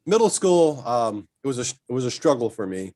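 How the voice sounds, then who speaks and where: A man telling lively stories as a guest in a casual chat, often laughing as he talks. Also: medium pitch, brisk, dry recording. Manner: animated storyteller, laughs while telling stories.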